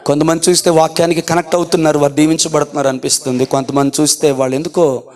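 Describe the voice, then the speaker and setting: A man preaching a sermon, a fervent pastor who builds to shouted repeated refrains and mixes English phrases into his preaching. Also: a little high, flat delivery, rapid-fire. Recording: live church service, congregation audible. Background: congregation noise.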